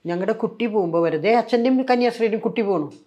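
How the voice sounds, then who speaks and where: A woman's voice: medium pitch, fast. An older woman from Kerala with a Malayalam accent, telling her story in an interview and acting out what others said. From Kerala, India. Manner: animated, acts out quoted voices, frequent fillers. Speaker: interviewee, former nun. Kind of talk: conversational storytelling.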